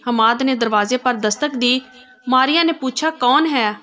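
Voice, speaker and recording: Casting: female storyteller, slightly high voice, steady emotional read-aloud narration.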